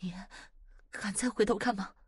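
A woman's voice: medium pitch, fairly even intonation, normal speed, darkish tone, slightly rough, dry recording, studio quality, lightly acted. A woman voicing a frightened young girl who stammers and sobs as she tells a ghost story. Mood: fearful. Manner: stammering, sobbing.

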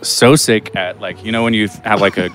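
Giggly young man with a lowish voice. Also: fairly even intonation, normal speed. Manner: rambling, giggly, lots of fillers. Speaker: guest performer. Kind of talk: casual interview chat. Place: outdoor festival.

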